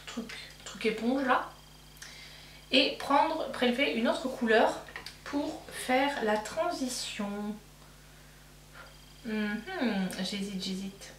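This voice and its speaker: Far from the mic in an echoey room with a faint hum, a woman with a fairly high, slightly bright voice talks slowly and pauses often. She's a beauty vlogger doing makeup, musing aloud with fillers, restarts, and self-corrections.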